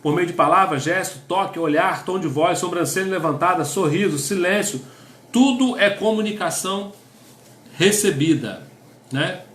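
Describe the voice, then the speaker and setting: A middle-aged Brazilian pastor speaks to couples in a conversational sermon, his high voice moving at a normal pace with a slightly bright tone in a reverberant space. He has a Brazilian Portuguese accent, reads definitions aloud, and keeps ending lines with a questioning "né?"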